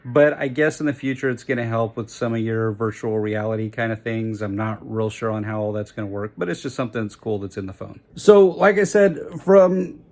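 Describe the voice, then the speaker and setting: A man's voice: lowish voice, steady tone, a little fast, few pauses. A man giving a casual, plain-spoken camera review, correcting himself as he goes, recorded on a phone's built-in mic. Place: outdoors at a busy roadside eatery. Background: traffic and chatter.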